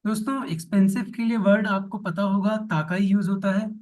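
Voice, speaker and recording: A man teaching Japanese restaurant phrases in Hindi, saying each example sentence slowly and repeating it. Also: high voice, fairly even intonation, darkish tone, far from the mic, low-quality recording. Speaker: language teacher.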